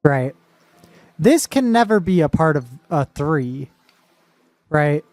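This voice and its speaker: A woman's voice: sits low, lively intonation, slow, darkish tone, no echo, faint music behind. A woman streaming a puzzle game, talking playfully through her moves and swearing casually. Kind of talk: casual live gameplay commentary.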